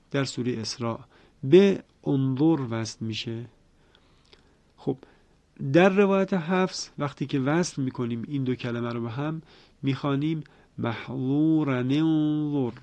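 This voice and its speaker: A man with a gravelly voice gives a formal lesson on recitation rules. He explains step by step in a measured way and slows down to chant each example. The recording is dry and a bit dull. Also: medium pitch, darkish tone, no room sound. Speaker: Quran recitation teacher.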